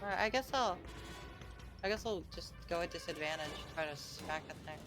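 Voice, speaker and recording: A woman plays in an online tabletop game and chats casually. Her voice is fairly low, and she asks a string of slightly scattered questions. Music plays clearly behind her. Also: a little fast. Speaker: player.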